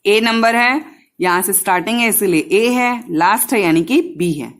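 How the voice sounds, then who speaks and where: A woman teaching young children a lesson, drawing out each syllable and repeating drills, speaking to them directly and gently. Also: medium pitch, normal speed.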